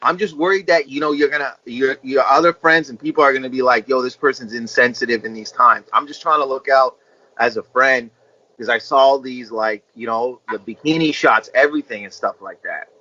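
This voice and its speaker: A man with a bright, forceful voice rambles and teases, piling up "like" and "you know" as he riffs over a video call. The audio is dull and lo-fi, like a home video chat. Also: medium pitch, brisk. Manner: rambling, teasing, heavy use of filler "like". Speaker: comedian. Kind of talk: comedic video-call banter. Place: indoor room at home.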